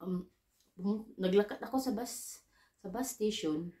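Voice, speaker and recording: A woman's voice: medium pitch, a little slow, mellow, reverberant. A Filipino woman, a domestic worker abroad, telling a casual story and acting out her own dialogue. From Philippines. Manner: chatty, mixes English into Tagalog, acts out dialogue.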